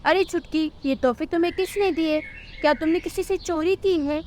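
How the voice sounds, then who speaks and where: A woman voicing a poor, gentle mother bird in a cartoon, speaking in a soothing, motherly way. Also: very high-pitched, moderate pace, slight background noise, voice pushed up. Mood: scolding.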